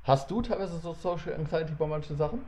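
A man's voice: fairly high pitch, expressive, fast, a little mellow. Rambling, laughing young man in casual chat. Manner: rambling storyteller, laughs often, acts out quoted voices.

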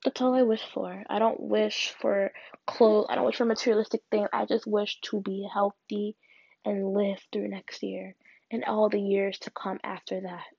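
A young woman hosting a solo podcast, talking in an earnest, halting way with restarts. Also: mid-range voice, little pitch movement, gravelly, darkish tone, breathy edge, no room sound. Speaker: podcast host. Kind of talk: solo personal podcast reflection. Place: alone at home. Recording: dull, dry lo-fi recording.

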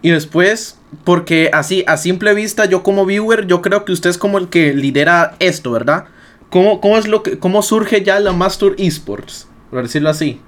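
High-voiced Costa Rican interviewer. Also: male voice, normal speed, a bit bright. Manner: rambling, hedging questions. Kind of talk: casual interview chat.

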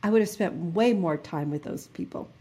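Breathy woman in her fifties, earnest. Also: lowish voice, normal speed, dark tone. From New Jersey. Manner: earnest storytelling with frequent fillers and restarts. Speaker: guest. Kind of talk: reflective interview conversation.

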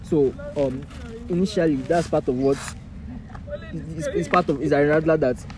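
A man's voice: fairly high pitch, moderate pace, crowd noise, low-quality recording. A young man chatting casually as a podcast co-host, often stammering and repeating his words. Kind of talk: casual chat.

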